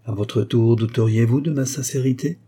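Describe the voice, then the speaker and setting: A man's voice: mid-range voice, steady tone, moderate pace, dark tone, breathy edge. A man voicing a stern, wealthy American father who questions in a commanding manner. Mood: stern questioning.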